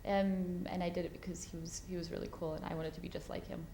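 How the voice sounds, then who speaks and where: A woman's voice: on the low side, level tone, fast talker, dark tone, slight background noise. A woman in her late twenties giving candid interview answers, speaking frankly and laughing at herself now and then. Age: 20s.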